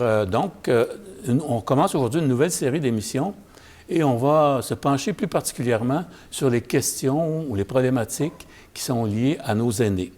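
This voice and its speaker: A man's voice: mid-range voice, a little mellow. A man hosting an interview in a theatre lobby, hesitant with many fillers. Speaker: host. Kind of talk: casual interview.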